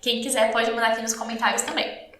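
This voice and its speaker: A Brazilian woman teaching English in a live online class, lively and encouraging, slowing down to model English phrases. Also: fairly high pitch, echoey room, very noisy. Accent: Brazilian Portuguese.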